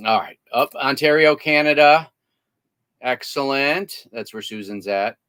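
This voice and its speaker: A man's voice: mid-range voice, unhurried, fairly bright tone, clean tone. Joking man hosting an RV livestream. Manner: reads out viewer comments, joking. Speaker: co-host of an RV livestream. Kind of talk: casual livestream chat. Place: inside a camper.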